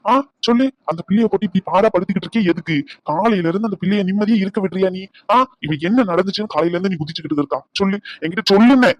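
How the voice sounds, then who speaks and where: A man voices an outspoken young nephew in a cartoon family drama, scolding in a quick, insistent way. The voice sits high, and the recording is dry and close with no echo.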